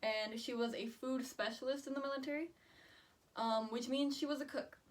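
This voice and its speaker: A woman's voice: high voice, fairly even intonation, moderate pace. A woman student giving a prepared oral presentation on her research in an earnest, explanatory manner. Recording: distant microphone.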